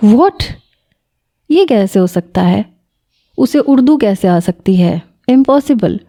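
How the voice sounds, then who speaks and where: A woman's voice: medium pitch, expressive, dark tone, natural voice. A woman reading the part of an inquisitive young female student friend in an audiobook. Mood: curious.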